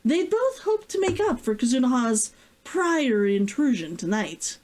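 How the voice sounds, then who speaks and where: Unhurried but highly animated, a woman with a high-pitched voice gushes and giggles as an online host sharing her writing. A vtuber and author, she chats excitedly, reads from her novel, and lets out long, sighing interjections.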